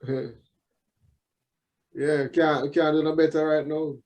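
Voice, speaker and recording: A man with a Jamaican accent chatting casually as an interview guest, reflective and halting, often repeating his words. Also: fairly high pitch, flat delivery, darkish tone. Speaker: musician guest.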